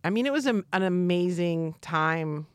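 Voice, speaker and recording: A woman guest comedian with a lowish voice, chatting casually in an interview. She talks haltingly and self-deprecatingly, often restarting her sentences. The recording is dry and close, with no room sound. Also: animated, smooth, no echo.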